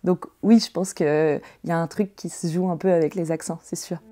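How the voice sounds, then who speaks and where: A woman's voice: on the low side, steady tone, brisk. A woman with a light northern French accent, a podcast guest reflecting aloud in casual conversation. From North of France.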